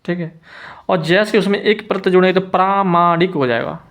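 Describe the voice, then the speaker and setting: A man teaching spelling in a lesson, repeating each word slowly and checking in with the listener. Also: sits high, fairly bright tone.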